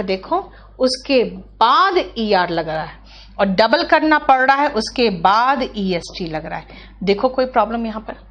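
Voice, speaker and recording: Brisk Hindi-speaking woman teaching grammar. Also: on the high side, lo-fi sound. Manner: brisk, scolding, addresses students as beta. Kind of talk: live online class.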